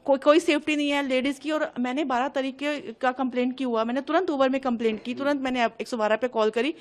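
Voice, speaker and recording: A woman's voice: high-pitched, fairly even intonation. A woman from Delhi giving an agitated first-person account to a reporter, re-enacting the exchanges as she tells it. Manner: agitated, fast, re-enacting dialogue. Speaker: interviewee recounting an incident.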